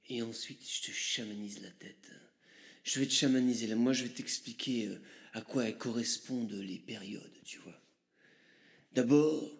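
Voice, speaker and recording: Comic sketch: a man voicing a hushed mystical shaman, low and gravelly, murmuring and whispering. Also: close to an everyday voice. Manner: low murmuring, often whispered, drifting from the mic. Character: mystical male shaman guru, dreamy and hushed.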